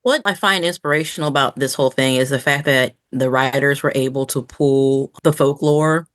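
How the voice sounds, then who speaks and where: A woman co-hosts a podcast, chatting casually and conversationally. Her voice rumbles low and sounds a bit bright, moving at a normal speed. The recording is dry and of studio quality.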